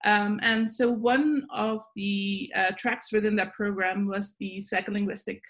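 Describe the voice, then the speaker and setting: A woman's voice: medium pitch, steady tone, measured pace, a bit bright. A woman in her forties from the Netherlands with a Dutch accent, answering interview questions thoughtfully with many fillers and restarts. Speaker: guest, psychology professor.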